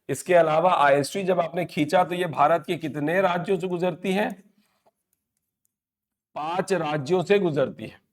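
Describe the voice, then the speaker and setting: A man with a slightly high voice teaches an exam-prep class. He keeps asking questions, answers them himself, and drills the key facts by repeating them.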